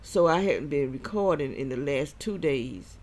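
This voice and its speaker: A man giving a rambling personal monologue as a vlogger, halting and short of breath, with repeated restarts. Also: mid-range voice, animated, a little mellow.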